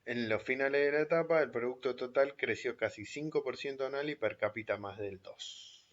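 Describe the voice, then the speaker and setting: A man reading an economics book chapter aloud in a steady, measured way, pausing at times to reread a phrase. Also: medium pitch. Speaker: reader of an economics text. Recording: dull lo-fi recording.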